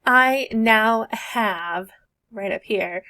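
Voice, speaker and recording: A woman's voice: fairly high pitch, extremely slow, sharp tone. A woman teacher chatting casually as she works through savings challenges on her vlog, thinking aloud as she goes. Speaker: teacher and budgeting vlogger. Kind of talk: casual chat while doing savings challenges.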